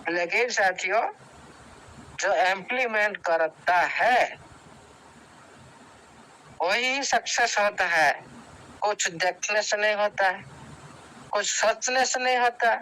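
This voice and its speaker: Bright, clear-voiced man giving a pep talk. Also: sits high, low-quality recording. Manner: exhorting, repetitive, halting with restarts. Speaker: team leader speaking in an online meeting. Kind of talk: motivational speech to a group. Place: online meeting. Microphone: video call.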